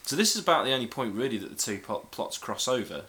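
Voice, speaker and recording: Fast-talking man, joking commentary. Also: medium pitch, sing-song, pushed and bright. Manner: quick, joking, with restarts and laughs. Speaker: podcast co-host. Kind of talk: casual commentary chat.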